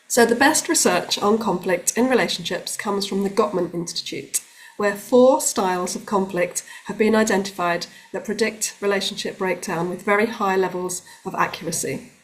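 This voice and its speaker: A woman working as a relationships coach, giving calm, explanatory advice straight to the camera with the odd um. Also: mid-range voice. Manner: calm, explanatory, with occasional ums. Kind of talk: direct-to-camera advice talk.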